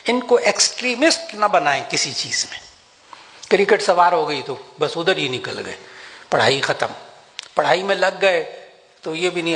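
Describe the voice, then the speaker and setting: An older man giving a sermon to an audience, animated and emphatic, slowing down for prayers. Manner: animated, rises in pitch for emphasis, slows for Quranic prayers. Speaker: religious scholar giving a talk. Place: large hall with an audience. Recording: long hall reverb, faint background noise.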